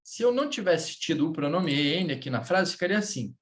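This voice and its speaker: A man's voice: on the high side, big pitch swings, fairly quick. A Brazilian man teaching French in a live lesson, speaking Portuguese with a Brazilian accent, patiently repeating words and checking in with his students.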